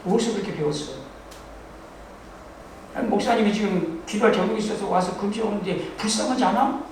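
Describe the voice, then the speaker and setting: A male pastor preaching a sermon in a church, animated and joking, now and then bursting into shouts. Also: high voice, brisk, slight background noise. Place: church sanctuary. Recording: echoey church hall, mic from far off.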